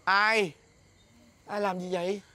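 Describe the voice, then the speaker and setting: A man with a Southern Vietnamese accent in a comedy sketch, playing an excitable husband who stammers and protests. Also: high-pitched, slow pace. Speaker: comic actor playing a drinking husband.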